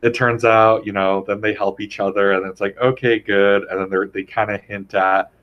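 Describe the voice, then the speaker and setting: A young man in casual chat, rambling and animated as he retells things, heavy on "like". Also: lowish voice, moderate pace, lo-fi sound.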